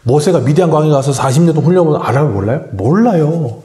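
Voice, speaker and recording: A man's voice: a little high, expressive, fast talker, mellow, echoey room. A man preaching a morning sermon as pastor, asking the congregation questions and answering them himself. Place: church sanctuary.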